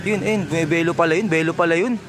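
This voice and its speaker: A man vlogging about his racing pigeons outdoors, talking excitedly in a running commentary, sweaty and out of breath. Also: fairly high pitch, fast. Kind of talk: casual vlog commentary. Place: outdoors at a backyard pigeon loft. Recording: noisy outdoor recording.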